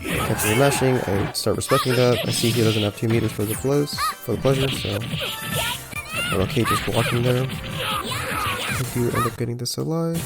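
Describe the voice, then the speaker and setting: A man giving careful, unhurried commentary on a replay of his own fighting game match, with muttered self-critical asides. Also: mid-range voice. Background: music.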